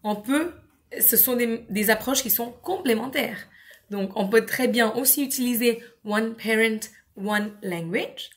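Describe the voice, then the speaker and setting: A woman with a French accent explaining to parents, in a clear and patient way, how to teach English at home, with simple word examples. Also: on the high side, measured pace.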